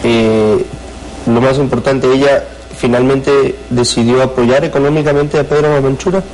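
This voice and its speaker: A man, hosting a morning news show and firing brisk, pressing follow-up questions at a guest in a TV studio. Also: mid-range voice, steady tone, a little mellow, slight background noise, rough recording. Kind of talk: television interview. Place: television studio.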